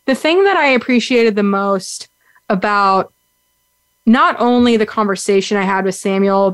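Sitting on the ground, a young woman podcast host gives an upbeat, casual recap, rambling with lots of "like" and "um." She has a clear, resonant, mid-range voice, and there's no echo.

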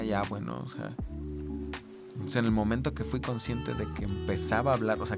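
Gravelly low-voiced Mexican man. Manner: hesitant, halting, many fillers. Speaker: podcast guest. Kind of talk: personal storytelling. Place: recording booth.

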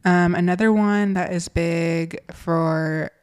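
A woman's voice: on the low side, fairly even intonation, takes it slowly, a little mellow, clean tone. An American woman hosting a casual chat, with slightly whistling s sounds. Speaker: podcast host, pediatric nurse practitioner.

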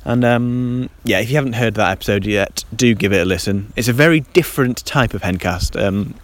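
A man with a fairly low voice rambles through a casual solo podcast, full of ums and restarts. He speaks into a handheld dictaphone while standing in a damp garden in light rain, and later under a covered shelter. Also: fairly quick. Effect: handheld dictaphone recording outdoors. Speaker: podcast host. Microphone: handheld voice recorder.

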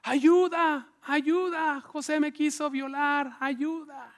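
A man voicing a scheming, seductive rich woman, coaxing and teasing in breathy whispers. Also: very high-pitched, expressive, slow pace, full character voice. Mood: shrieking.

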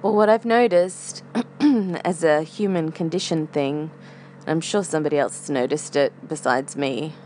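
With an air conditioner humming faintly behind her, a woman hosting a podcast reflects casually out loud, sometimes hesitant as she gropes for the right words. Her voice sits low and dark, at a moderate pace.

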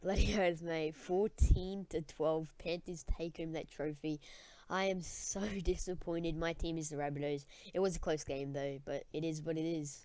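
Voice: medium pitch, flat delivery, moderate pace, darkish tone, clear, resonant tone, dry recording. A young student with an Australian accent hosting a casual sports chat podcast in matey, slangy talk. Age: teenager or young student. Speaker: podcast host.

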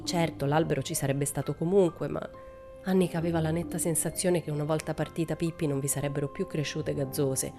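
A woman narrating a children's audiobook in a calm, expressive storytelling manner. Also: lowish voice.

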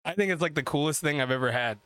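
A man in his thirties co-hosting a podcast, chatting casually, blunt and animated, swearing freely. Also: on the high side, rapid-fire, clear, resonant tone, no echo, clean studio sound. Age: 30s. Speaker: podcast co-host. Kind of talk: casual chat.

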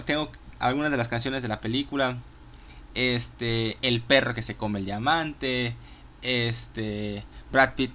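A man's voice: mid-range voice, pushed and bright, muffled recording, a little hiss or hum. A man with a Mexican accent counting down his favorite films in a casual, profane, enthusiastic monologue full of fillers. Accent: Mexican Spanish. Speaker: film reviewer.

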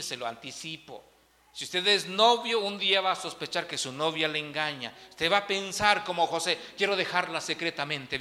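Pastor guy preaching, high bright voice, lots of reverb in the hall. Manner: animated preaching with sudden loud and soft turns. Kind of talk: sermon.

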